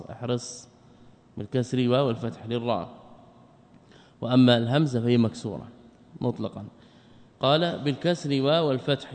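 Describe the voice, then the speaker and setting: A man's voice: medium pitch, darkish tone. Man teaching in a reverberant hall. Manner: explains word by word, repeats phrases, asks rhetorical questions. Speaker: Islamic scholar teaching a text. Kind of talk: classroom commentary lesson. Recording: long reverb of a lecture hall.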